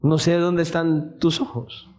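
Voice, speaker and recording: A man preaching a sermon in a church, impassioned, with his voice rising into shouted pleas. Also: on the high side, little pitch movement, a little slow.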